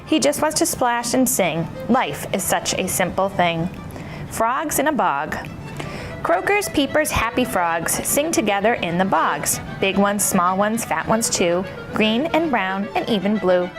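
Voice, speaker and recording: A woman's voice: mid-range voice, rough recording. A woman hosting a children's story time, playful and bubbly like an entertainer for young listeners. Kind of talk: children's story time chat and read-aloud.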